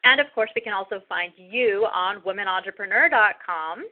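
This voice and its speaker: A woman's voice: mid-range voice, moderate pace. A woman hosting a radio interview, enthusiastic and encouraging toward her guest. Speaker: radio show host. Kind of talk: phone interview. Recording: tinny phone line.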